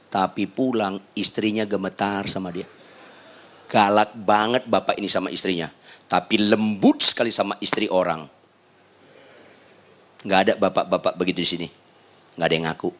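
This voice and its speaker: Lively humorous man preaching. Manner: animated, humorous, voice leaps high for emphasis. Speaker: pastor. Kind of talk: sermon.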